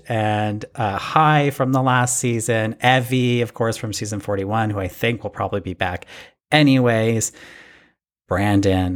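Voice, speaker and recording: A man hosting a podcast in a casual, chatty and excitable way. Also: fairly low pitch. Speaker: podcast host.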